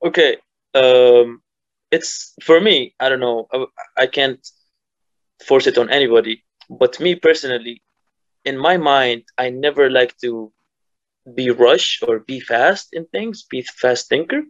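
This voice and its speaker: A man in his twenties, a footballer and guest, talking calmly and reflectively in a casual interview. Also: medium pitch, unhurried, muffled recording. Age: 20s. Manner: calm, reflective, motivational.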